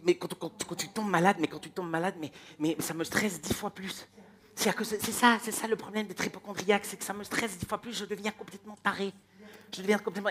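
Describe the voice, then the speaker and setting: A man doing stand-up comedy, ranting in an animated, mock-exasperated way. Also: high-pitched.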